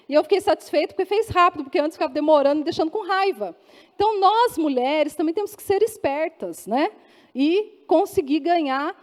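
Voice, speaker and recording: A woman's voice: sits high, long reverb tail. A woman giving a chatty church teaching, often tossing questions to the audience. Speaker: church speaker. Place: church hall.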